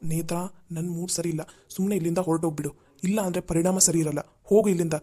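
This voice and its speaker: Cartoon boss man, hot-tempered, blunt threats, mellow dark voice, plain actor. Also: medium pitch, flat delivery, fast talker, close to an everyday voice. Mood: angry. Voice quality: curt, threatening. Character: angry male boss, short-tempered. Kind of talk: cartoon voice acting.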